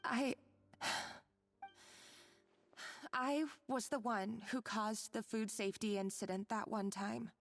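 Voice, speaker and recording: Timid, apologetic young female kitchen hand for a game, high and halting, long reverb. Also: soft background music. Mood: guilty, anxious. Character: timid, guilt-ridden young woman kitchen worker. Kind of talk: video game voice acting.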